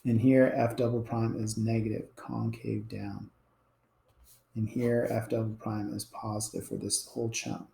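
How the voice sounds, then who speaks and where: A man's voice: lowish voice, vocal fry. A man teaching a calculus class, explaining casually and letting his voice drop off at the end of each point. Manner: casual and explanatory, trails off quietly at ends of points. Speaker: math teacher. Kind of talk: classroom lecture at a board. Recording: roomy classroom echo.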